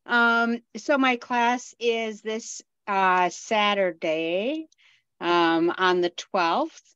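A woman calls into a video meeting on her phone, and her voice comes through dull and muffled. She talks slowly and hesitantly, with many ums and restarts. Her tone stays smooth and clear despite the thin line. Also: mid-range voice, a bit bright, no echo. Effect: speaking over a phone into a video call. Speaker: beading class instructor. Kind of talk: casual group meeting chat.

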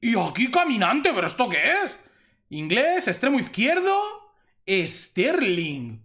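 A young man from Spain with a Spanish accent, doing excited pack opening commentary for his gaming channel, repeating himself and exclaiming at good pulls. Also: high-pitched, takes it slowly. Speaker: gaming youtuber.

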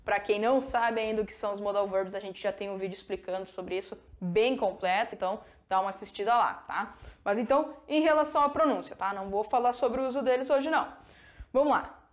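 A woman with a Brazilian Portuguese accent, an English teacher who explains step by step and models English phrases slowly in a pronunciation lesson video. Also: medium pitch.

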